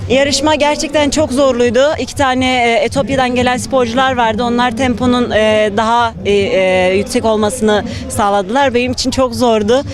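A woman athlete from Turkey giving hesitant, halting answers in a post-race interview. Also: on the high side, steady tone, over music.

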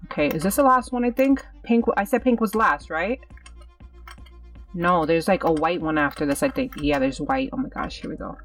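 A woman's voice: medium pitch, expressive, normal speed, vocal fry, far from the mic, soft background music. A woman hosting her gaming channel, giving live gameplay commentary with nervous, self-coaching chatter.

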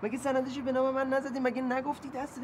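A young actor playing a landlord's earnest, pleading son in a TV drama. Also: male voice, extremely high pitch, level tone. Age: young adult. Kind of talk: TV drama acting. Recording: noisy background.

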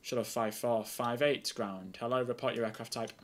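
A young man streaming as an air traffic controller, chatty and excitable between calm, clipped radio instructions. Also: medium pitch, moderate pace. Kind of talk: casual streaming chat and radio calls.

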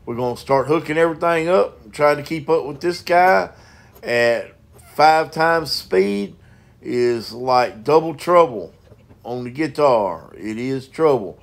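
A man's voice: medium pitch, vocal fry. A man, a mobile mechanic narrating a repair video in a folksy, plain-spoken way.

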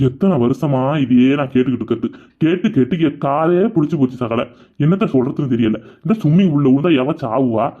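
A man's voice: medium pitch, animated, quick pace, natural voice. A man playing a grumpy sarcastic village husband. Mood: scornful. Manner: scolding, sarcastic grumbling. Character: grumpy middle-aged husband, scornful of his wife. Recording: dull lo-fi sound.

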